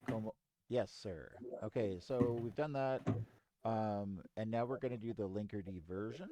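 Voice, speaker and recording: A man's voice: lowish voice, moderate pace, dark tone. A man co-hosting a tech tutorial in casual chat, joking as he reads out commands letter by letter while typing. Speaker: co-host following a tutorial.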